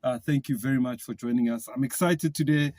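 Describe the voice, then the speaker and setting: A man hosting a podcast from inside a classic car, upbeat and enthusiastic, laughing often and giving shout-outs. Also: mid-range voice, a little fast, no room sound. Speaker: podcast host. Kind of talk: casual podcast chat.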